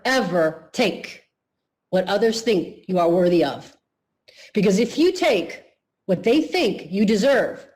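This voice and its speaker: A woman's voice: medium pitch, darkish tone, low-quality recording. Earnest woman giving a motivational speech. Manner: earnest, deliberate, slows for emphasis. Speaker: keynote speaker.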